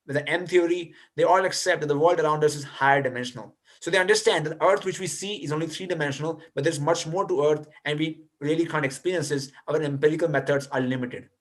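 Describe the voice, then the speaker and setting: On a video call, a young male guest lectures and takes audience questions, his explanations full of hesitant restarts. He talks fast with few pauses, in a voice that sits on the high side.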